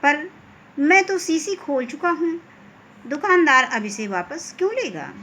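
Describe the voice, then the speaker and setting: A woman reading as a stern village father, firm, protective, slow-spoken. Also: high voice, big pitch swings, bright, forceful tone, a little hiss or hum, exaggerated voice. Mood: gentle. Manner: firm, scolding toward the shopkeeper.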